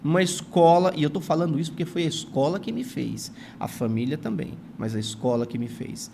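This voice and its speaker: A retired teacher and writer in his forties from São Paulo, Brazil, appears as a guest telling his life story earnestly and gratefully in an interview, often tacking "não é" onto his sentences. He has a São Paulo accent and a fairly quick, expressive voice that is a little high, gravelly, and warm. The recording carries a slight hiss or hum.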